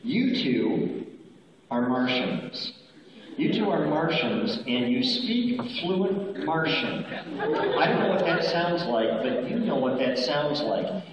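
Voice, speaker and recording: A male stage hypnotist talks his volunteers through slow, repeated suggestions. He sounds far from the mic and bounces around a big echoey gym. The recording is muffled, and a noisy crowd sits behind him. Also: fairly high pitch, very animated. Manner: slow, repetitive hypnotic instructions with playful shouted examples. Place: school gym with a live audience.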